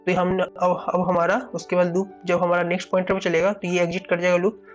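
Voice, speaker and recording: A man's voice: high voice, monotone, fast, lo-fi sound, soft background music. A man teaching a coding problem step by step, thinking aloud, often repeating "ठीक है" and restarting phrases. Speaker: coding tutor.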